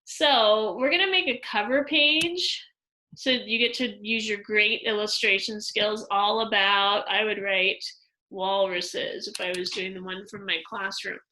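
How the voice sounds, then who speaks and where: A woman teacher walking second graders through a worksheet in a slow, patient lesson, explaining each step aloud. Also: mid-range voice, fairly even intonation, bright, forceful tone, a little hiss or hum, poor audio. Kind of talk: instructional screen-recorded lesson.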